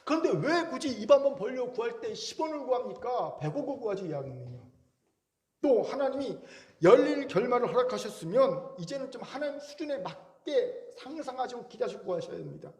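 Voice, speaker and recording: A man pastor preaching a sermon in a church, animated, acting out the voices he quotes. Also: extremely high pitch, brisk. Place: church sanctuary. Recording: echoey church hall.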